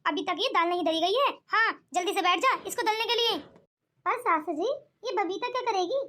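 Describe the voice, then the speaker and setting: A performer voicing a meek, hardworking young daughter-in-law in a cartoon, in a very high, childlike voice and a polite, deferential manner. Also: moderate pace. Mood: pleading. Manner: polite, soft-spoken and deferential. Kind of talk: cartoon voice acting.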